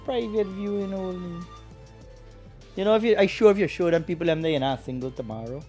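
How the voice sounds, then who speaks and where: A man's voice: sits high, a little fast, mellow, faint music behind. A man with a Guyanese accent chatting casually and jokingly on a podcast. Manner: laid-back, joking, creole-tinged. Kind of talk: casual chat.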